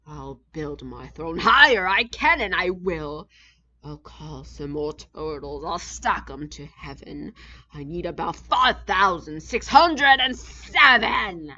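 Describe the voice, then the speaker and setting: A woman voicing a boastful, bossy turtle king in a storybook reading, loud and blustering. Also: lowish voice, animated, slow pace, highs cut off, heavily acted. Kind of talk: storybook read-aloud.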